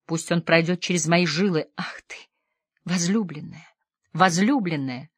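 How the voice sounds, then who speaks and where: A feverish, tormented lady lost in opium dreams, as a woman reader puts her on. She pleads and yearns in a low voice, swinging between hushed murmurs and sudden outbursts. The audiobook reading sounds close and dry. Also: a little slow, slightly rough, no echo. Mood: yearning.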